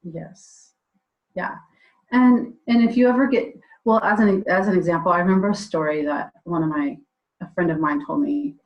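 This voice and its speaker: A woman's voice: fairly low pitch, normal speed, muffled recording. A woman co-hosting a casual podcast over a remote call, telling stories with quoted dialogue. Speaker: co-host. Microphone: remote call mic. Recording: audio dropouts on a call.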